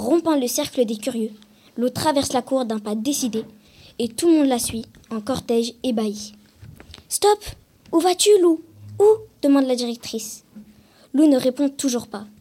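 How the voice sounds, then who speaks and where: A woman reading a children's book aloud in a lively, expressive way. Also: on the high side. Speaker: storyteller.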